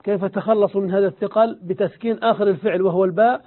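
A man giving a grammar lesson, explaining slowly and deliberately, repeating examples and answering his own questions. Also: high-pitched, steady tone. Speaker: Arabic grammar teacher. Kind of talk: lecture. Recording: tinny phone-like sound.

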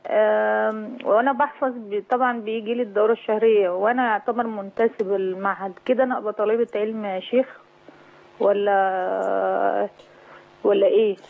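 A woman's voice: medium pitch, fairly even intonation, brisk, creaky. A woman, calling in to ask the sheikh a question politely and somewhat hesitantly. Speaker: caller. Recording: tinny phone line.

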